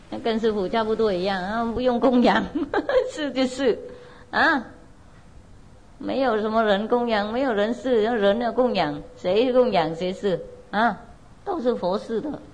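A woman's voice: medium pitch, poor audio. A woman spiritual teacher telling a Zen story to an audience in a loose, conversational way, with many fillers, laughs, and direct questions to her listeners. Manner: asks listeners directly to check they follow.

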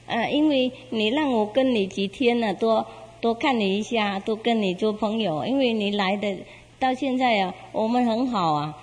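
A woman voicing a gentle, selfless male beast with golden fur, speaking in a joyful, pleading way, in a hall with long reverb. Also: medium pitch, lightly acted. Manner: joyful, pleading, warm-hearted.

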